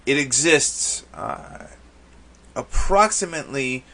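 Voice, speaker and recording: A man's voice: medium pitch, expressive, takes it slowly, bright, forceful tone, voice pushed up, heavily acted. A game master voicing an earnest, hesitant male alien minister in a tabletop game. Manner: formal, hesitant.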